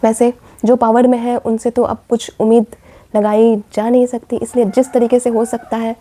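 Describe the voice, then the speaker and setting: Woman vlogger, high mellow voice, impassioned talk and rhetorical questions. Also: level tone, normal speed. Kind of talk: earnest commentary vlog.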